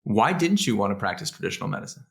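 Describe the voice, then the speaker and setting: Fast, gravelly-voiced male podcast host. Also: fairly low pitch, sing-song, a bit bright. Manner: brief, curious questions. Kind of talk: interview questions.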